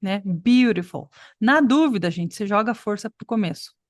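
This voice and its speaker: A woman's voice: medium pitch, expressive, brisk, dry recording. A woman from Brazil teaches an online English class and explains pronunciation patiently. She checks in with the students as she goes. Her voice sits mid-range, and the sound is dry and close.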